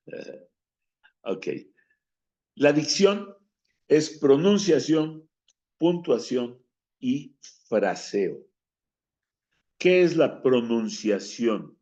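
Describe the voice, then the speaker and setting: A man from Mexico teaches breathing and diction in an unhurried, measured way. He stresses key words and acts out lines to show phrasing. The sound is muffled and lo-fi. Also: medium pitch, dark tone. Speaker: speaking coach. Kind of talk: instructional talk on voice and diction. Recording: dull lo-fi recording.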